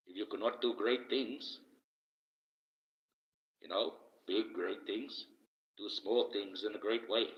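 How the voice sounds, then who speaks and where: Man doing a preachy archangel, lowish voice, ethereal echo, long reverb tail, dull lo-fi sound. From Australia. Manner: slow, preachy advice with rhetorical questions. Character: solemn archangel giving life advice, male. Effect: added echo for an ethereal voice. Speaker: live streamer reading chat.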